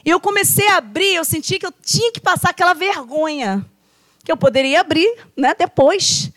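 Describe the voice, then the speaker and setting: High-voiced Brazilian woman preaching with stories. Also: moderate pace, dry recording. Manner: lively, acts out quoted voices, often addresses "irmão". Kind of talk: sermon with personal storytelling.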